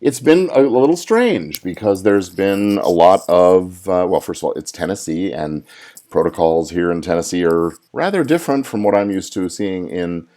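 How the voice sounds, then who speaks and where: A middle-aged man, a lawyer who hosts his own podcast, talks solo during a live show from a hotel at a conference. His voice sits low, expressive and mellow at normal speed, and his chatty, casual delivery is full of fillers and restarts.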